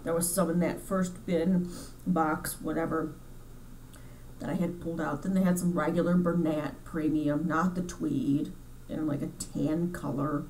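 A woman's voice: deep voice, fairly even intonation, measured pace, a little mellow, recorded from a distance, a little hiss or hum, low-quality recording. A woman hosting her crochet channel in a chatty, rambling way, correcting herself as she goes, a bit congested from sinus trouble. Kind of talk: casual chat over store footage.

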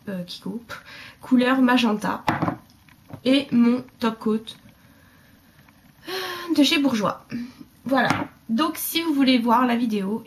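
Young woman w a stuffy nose, bit high voice, chatty nail tutorial, faint hiss behind. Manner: chatty, hesitant, drops to a murmur while working. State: congested, talking through her nose. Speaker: beauty vlogger.

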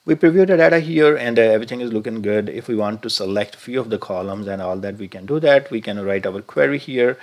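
A man with giving a halting screen-recorded software tutorial, thinking aloud with many filler sounds as he clicks through steps. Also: lowish voice.

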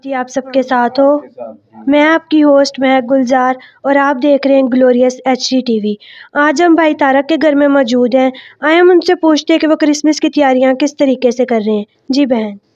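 A woman's voice: high voice, fairly even intonation, normal speed, a little mellow, no echo. A woman from Pakistan hosting Christmas home visits for a TV channel, thanking guests in a courteous, formal way. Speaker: TV host. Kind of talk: door-to-door Christmas interview. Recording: dry, slightly dull audio.

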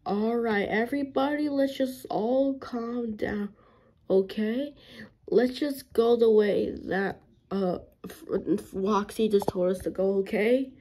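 A woman acts out a fan story in several voices, speaking slowly and hesitantly. Her tone is mellow and soft, and she often drops into a whisper. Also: fairly high pitch. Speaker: plush toy video performer. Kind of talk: improvised fan story acting.

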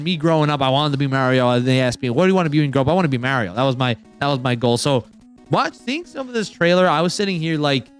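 A man hosting a casual roundtable chat, rambling and excitable, full of filler words. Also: fairly high pitch, smooth. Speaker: podcast host.

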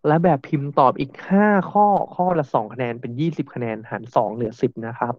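A man's voice: mid-range voice, animated, fast, no echo, muffled recording. A man teaching a classroom grammar lesson, explaining step by step and repeating examples.

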